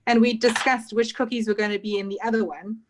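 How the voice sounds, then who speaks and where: A woman's voice: fairly high pitch, fairly even intonation, fast, noisy background. A young woman teaching an online baking class, chatting casually and a bit scattered, with lots of "like". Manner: chatty, scattered, says "like" often. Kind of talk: casual chat while teaching a video-call class. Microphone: computer mic on a video call.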